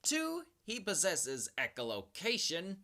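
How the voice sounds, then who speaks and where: Bright-voiced horror-host style countdown presenter. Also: mid-range voice, wildly swooping pitch, takes it slowly. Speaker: host of a top-ten creature countdown video. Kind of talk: spoken countdown commentary, semi-improvised.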